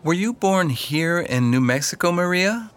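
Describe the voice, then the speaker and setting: An actress asking friendly questions in a scripted textbook dialogue. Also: female voice, lowish voice, lively intonation, measured pace, no echo. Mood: curious.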